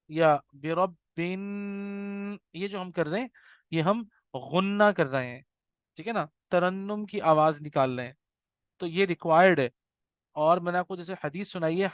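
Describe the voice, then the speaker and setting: Clear-voiced male recitation teacher. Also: a little high, no echo. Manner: patient, checks understanding often with "right?"; demonstrates slow drawn-out nasal recitation. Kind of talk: explanatory class lecture.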